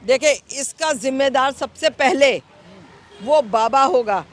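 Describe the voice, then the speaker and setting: Indignant high-voiced woman in street interview. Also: animated, measured pace. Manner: indignant, emphatic, keeps asking "right?".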